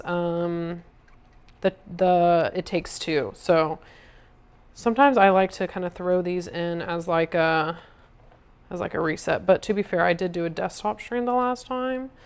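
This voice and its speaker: Chatty woman streamer, smooth voice. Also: medium pitch. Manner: chatty, talks to viewers while cooking. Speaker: livestreamer. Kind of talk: casual livestream chat. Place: home kitchen.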